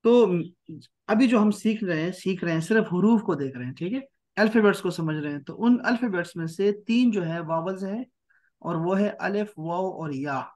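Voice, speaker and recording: A man teaching an online Arabic grammar class, patiently repeating key terms slowly. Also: high-pitched, expressive, darkish tone. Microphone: online class mic.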